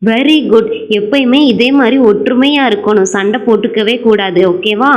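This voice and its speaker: Woman playing a teacher doll in a toy cartoon, kind but firm, gently scolding, voice a bit high. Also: moderate pace, lightly acted.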